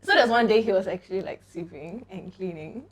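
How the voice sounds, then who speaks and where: A woman's voice: mid-range voice, brisk, husky. A young adult woman with a Singaporean accent, telling stories in colloquial Singlish in a casual group chat. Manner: colloquial Singlish with sentence particles, animated storytelling.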